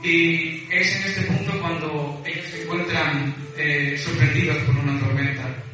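A man preaches a sermon, reading scripture aloud and pausing on hesitant fillers. His voice sits a little high. He is heard from a distance in a very echoey hall, with music playing behind him. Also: steady tone, sharp tone, dull audio. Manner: reads scripture aloud, addresses the congregation; hesitant fillers between phrases.

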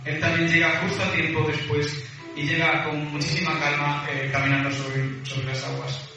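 Echoey preacher in a hall. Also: male voice, a little high, completely flat delivery, moderate pace, pushed and bright, recorded from a distance, faint music behind. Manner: reads scripture aloud, addresses the congregation; hesitant fillers between phrases. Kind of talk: sermon.

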